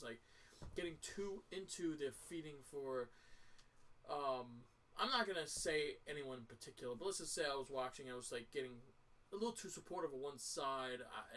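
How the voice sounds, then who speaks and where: Tired man rambling, bright slightly distant voice. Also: medium pitch. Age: 30s. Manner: rambling with frequent restarts and stumbles. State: tired, dry throat. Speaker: gaming let's-player. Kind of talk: casual rambling commentary.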